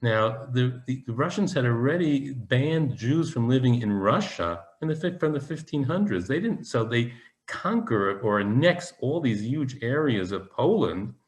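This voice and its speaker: A man lecturing on history as he talks through slides on screen. He explains step by step in a mid-pitched voice, pausing often to restart a phrase. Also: animated. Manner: explanatory, many fillers and restarts. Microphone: webinar presentation.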